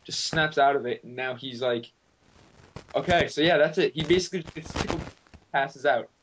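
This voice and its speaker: A man's voice: mid-range voice, moderate pace, fairly bright tone, slight background noise, low-quality recording. A young man co-hosting a casual podcast among friends. His voice sits in an ordinary middle range, and he tells stories in a loose, rambling way, laughing often as he goes. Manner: giggly, rambling storyteller. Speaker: podcast co-host. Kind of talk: casual chat.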